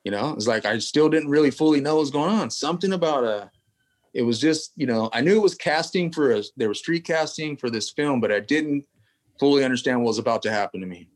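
A relaxed man spins a long personal story as an interview guest. His pitch sits in an everyday middle range, and his talk wanders through asides and street slang in an easygoing, rambling way. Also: brisk. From California. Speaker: tattoo artist guest. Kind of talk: casual storytelling.

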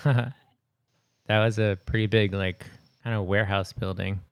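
A man co-hosting a podcast, reading a long list in a flat, steady way and chatting casually. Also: on the low side, normal speed, clean tone. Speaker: podcast co-host. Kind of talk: reading a bio list, then casual chat.

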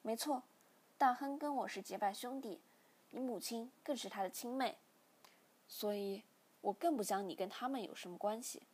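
A woman's voice: fairly high pitch, normal speed, darkish tone, breathy edge. A woman voicing a stern, weary middle-aged father who lectures his grown son, in a read-aloud novel.

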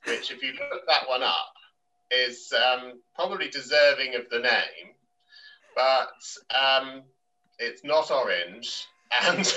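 A man's voice: mid-range voice, bright, forceful tone. A man in casual conversation who speaks hesitantly, often restarting his sentences. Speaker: guest. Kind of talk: casual chat. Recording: distant, dull remote line.

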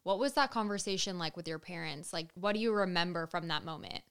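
Smooth, low-voiced woman co-host. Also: a little fast, a bit bright. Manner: short follow-up questions. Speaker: podcast co-host. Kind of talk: casual interview.

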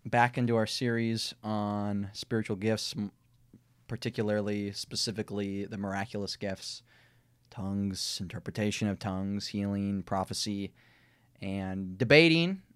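A young man with a Minnesotan accent hosting a casual podcast, relaxed, laughing easily and restarting his sentences. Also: on the low side, measured pace, smooth, no room sound. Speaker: podcast host. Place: home room full of books.

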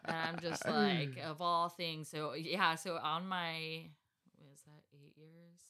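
A woman's voice: low voice, steady tone, takes it slowly, pushed and bright. A woman in her thirties, a podcast co-host, telling her story in casual chat, blunt, sarcastic and full of swearing. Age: 30s.

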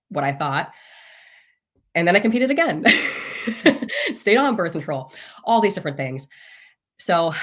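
A woman's voice: sits low, a bit bright. A woman in her thirties, a podcast guest, telling a personal story in a candid, casual way, swearing freely and laughing often.

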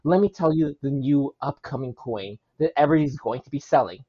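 A man chatting casually among friends, breaking into a playful mock sales pitch and laughing through his words. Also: brisk, husky, dull audio. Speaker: guest.

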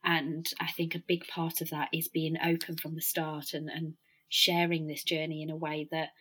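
A woman in her thirties hosts a reflective podcast conversation. Her voice is on the low side and noticeably croaky and husky, roughened by a cough. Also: monotone, moderate pace, a bit bright. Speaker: podcast host.

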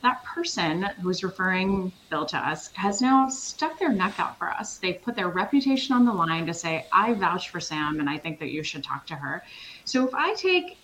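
Energetic, emphatic woman with a lowish voice. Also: a little hiss or hum, low-quality recording. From Switzerland. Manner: energetic, fast, emphatic, quick to laugh. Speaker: sales consultancy founder, guest. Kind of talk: interview answers.

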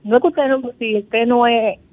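A woman's voice: fairly high pitch, fairly even intonation, normal speed, no echo. A woman phones in to a radio show and talks in a chatty, folksy way, full of blessings. Her voice comes through a tinny, dry phone line. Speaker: caller. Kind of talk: call-in radio chat.

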